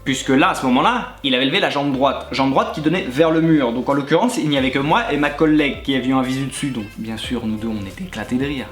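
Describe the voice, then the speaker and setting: A man, a YouTuber and former gym coach, telling crude comic anecdotes straight to the listener, animated and often breaking into laughter. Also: medium pitch, fast talker, few pauses. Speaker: YouTuber recounting his time as a gym coach. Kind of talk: comedic anecdote storytelling to the viewer. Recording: echoey room with faint background music.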